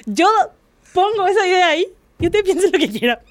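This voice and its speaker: A young woman with a high voice and a Paraguayan Spanish accent chats casually as a host. She tells animated stories and teases her guests. The sound is dry and close. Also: moderate pace, dry recording. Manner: teasing, animated storytelling. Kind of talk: casual chat.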